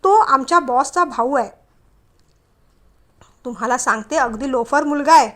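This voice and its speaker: A woman voicing a flustered but spirited young woman who turns sharp and scolding. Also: sits high, measured pace. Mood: indignant.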